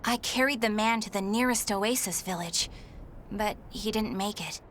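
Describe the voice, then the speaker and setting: Over loud music, a woman with a mid-range voice and moderate pace narrates reflectively as the protagonist of a video game story. She plays a feisty, stubborn young warrior, lightly acted but spirited and defiant.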